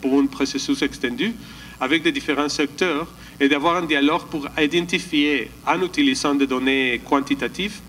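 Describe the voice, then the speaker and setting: A man walks an audience through slides at a conference, pausing to search for words and restarting his sentences. His voice sits a little high for a man. A faint background noise runs under it. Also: steady tone, a bit bright, rough recording. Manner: calls for the next slide. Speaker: conference presenter. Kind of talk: slide presentation at a summit.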